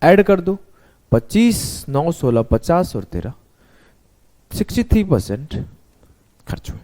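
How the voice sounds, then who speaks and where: A man's voice: a little high, sing-song, takes it slowly, mellow. A male math teacher explaining a lesson step by step, talking students through sums and spelling words out letter by letter.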